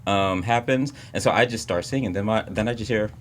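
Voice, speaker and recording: A man's voice: fairly low pitch, a little fast, slight background noise. A man co-hosting a podcast, telling a childhood story in casual chat and laughing often. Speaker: podcast co-host.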